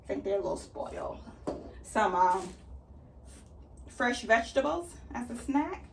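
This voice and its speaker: Woman, higher-pitched voice, chatty how-to talk, explains each step, mic set a little away. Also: expressive, measured pace, creaky, a little hiss or hum. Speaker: gardening vlogger. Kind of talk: casual how-to chat while working. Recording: slightly distant mic.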